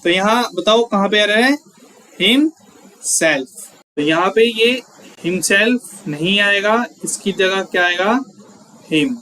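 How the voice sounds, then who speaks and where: A man leads an exam-prep grammar lesson with a rather high voice. He talks at an unhurried pace, asks his viewers questions and reads every example sentence slowly, word by word. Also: sharp tone, slight background noise, poor audio. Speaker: English grammar teacher.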